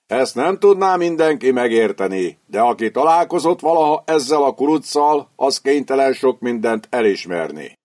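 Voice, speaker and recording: A man's voice: medium pitch, very animated, hardly any pauses, darkish tone, pitched above the performer's own voice, close to an everyday voice. A male narrator voicing a cold, scheming army lieutenant who reports to his colonel in stiff military formality. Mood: pleading, insinuating. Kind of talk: audiobook character voice.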